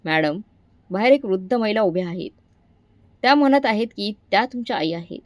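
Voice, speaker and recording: A woman's voice: mid-range voice, animated, fairly quick, no echo, close to an everyday voice. A woman doing a kind humble watchman. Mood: earnest.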